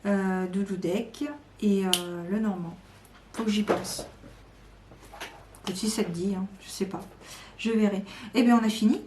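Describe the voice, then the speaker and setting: A woman's voice: medium pitch, steady tone, unhurried, pauses often. A woman chatting casually to her viewers about her card decks, hesitant with many fillers and enthusiastic. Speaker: tarot and oracle card YouTuber. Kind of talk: casual chat to camera. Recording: echoey room with faint noise.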